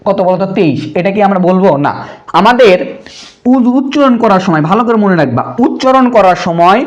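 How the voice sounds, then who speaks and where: A young man teaching a primary school math lesson, asking the pupils questions and answering them himself in a casual, brotherly way. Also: high-pitched. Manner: slows to spell out numbers.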